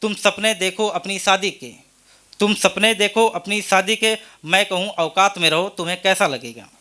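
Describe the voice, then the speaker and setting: A man's voice: sits high, moderate pace, sharp tone, a little hiss or hum. A man at an open mic reciting a long, repetitive poem line by line, with a Hindi accent. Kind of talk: reciting poetry. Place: open mic event venue.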